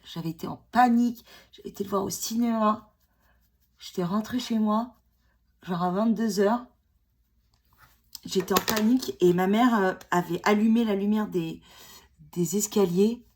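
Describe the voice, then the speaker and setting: Doing her makeup at home, a beauty vlogger in her forties chats casually and mocks herself in a relaxed tutorial, full of fillers and restarts. She has a cold. Her mid-range voice has a darkish tone, and she talks at normal speed with long pauses.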